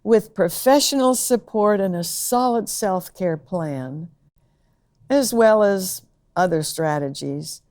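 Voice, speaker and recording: A woman specialist giving a measured, scripted explanation. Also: medium pitch, darkish tone. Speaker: brain function specialist and co-host.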